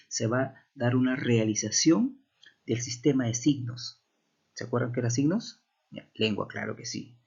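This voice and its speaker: A man's voice: medium pitch, creaky, darkish tone, husky, lo-fi sound. A man teaches a language class, explaining step by step and often checking in with rhetorical questions.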